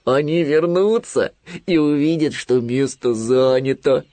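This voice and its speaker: A man voicing a gloomy, sluggish male bear cub who speaks slowly with sighs. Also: mid-range voice, dark tone, no echo, voice pushed up, natural voice. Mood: thoughtful. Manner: slow, sighing, glum.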